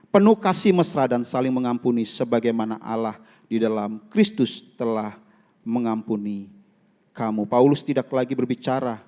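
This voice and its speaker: Male evangelist, mid-pitched, sermon delivery that swings from loud emphasis to near-whispered stories, reverberant church. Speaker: evangelist preaching. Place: church sanctuary. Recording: long reverb of a church hall.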